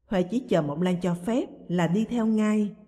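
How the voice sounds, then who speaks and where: A woman narrating a novel as an audiobook in a steady, even storytelling manner. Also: medium pitch, unhurried. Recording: long hall reverb.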